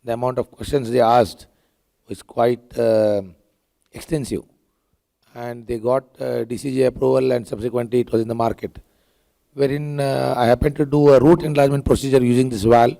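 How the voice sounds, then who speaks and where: A hoarse man with an Indian English accent, a cardiac surgeon speaking haltingly on a conference panel. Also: medium pitch, warm tone. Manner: halting, with many filler pauses. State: hoarse, lost his voice.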